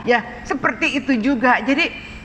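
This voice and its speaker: A woman from Bandung speaking with a Sundanese accent, chatting animatedly in an interview and laughing easily. Her voice sits at a middle pitch. It carries a long hall reverb over faint background noise. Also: normal speed, a bit bright, lo-fi sound. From Bandung, Indonesia. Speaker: art dealer. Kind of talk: casual interview.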